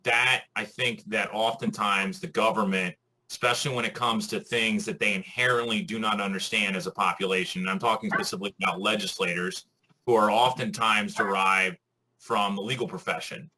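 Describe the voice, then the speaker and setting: Low, very bright man making an argument. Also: fairly even intonation, slight background noise, poor audio. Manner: articulate, measured, argumentative. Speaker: podcast co-host. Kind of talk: casual chat.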